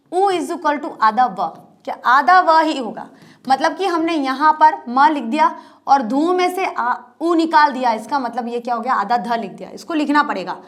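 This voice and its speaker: High-voiced woman teaching grammar. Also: fairly bright tone. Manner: explains step by step, often repeating with rhetorical questions. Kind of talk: Hindi grammar lesson at a board.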